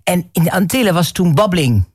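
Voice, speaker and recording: A man hosting a casual chat about songs, telling stories with many pauses and restarts. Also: high voice, animated, dry recording, studio quality. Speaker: radio host.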